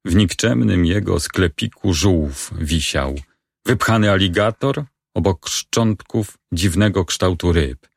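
A man's voice: deep voice, slow pace, gravelly, breathy edge, no room sound, studio quality, full character voice. A man reading a brooding young lover in despair. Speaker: reader of a play. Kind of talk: dramatic reading of a stage play.

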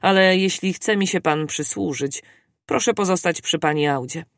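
A reader voicing a calm, composed English gentleman who speaks in a measured, even way. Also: medium pitch, no echo, clean studio sound, lightly acted. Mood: calm resolve. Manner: measured and cool.

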